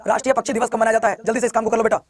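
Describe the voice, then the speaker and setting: A male online exam coach running a live class, firing questions at students, repeating each one and pushing them to answer quickly. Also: very high voice, little pitch movement.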